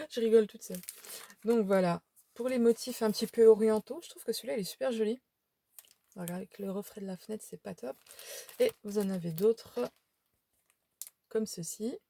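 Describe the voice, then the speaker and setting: A woman's voice: medium pitch, fairly quick, gravelly, long pauses, dark tone. A tired woman showing a craft shopping haul at home, chatting casually with many fillers and restarts. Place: home room by a window.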